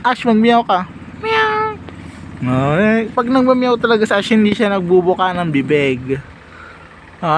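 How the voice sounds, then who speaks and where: A man's voice: high-pitched, noisy background. A young man vlogging casually at home, talking playfully and fondly to his cats with sudden squealing bursts. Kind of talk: casual vlog talk to camera.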